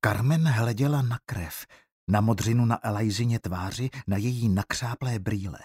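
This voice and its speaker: A man narrating an audiobook in a measured, suspenseful reading. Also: fairly low pitch, a little mellow, breathy edge, no room sound, clean studio sound. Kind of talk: scripted narration.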